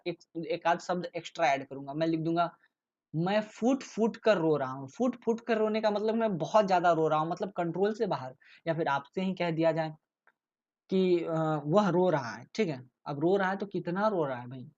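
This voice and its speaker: Man tutoring casually, dull lo-fi sound. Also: high voice. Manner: explains with rhetorical questions, often adds "ठीक है". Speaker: tutor explaining exam topics. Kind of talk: casual lecture.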